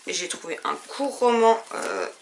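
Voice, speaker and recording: A woman's voice: fairly high pitch, lively intonation, measured pace, gravelly, a little hiss or hum. A woman vlogger chatting casually about her book purchases, rambling and full of hesitations. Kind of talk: casual book haul chat.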